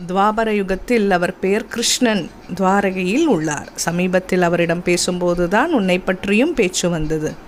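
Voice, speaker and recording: A woman's voice: lowish voice, normal speed, a little hiss or hum, lightly acted. Woman voicing teasing sage Narada. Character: wandering male sage, teasing and knowing.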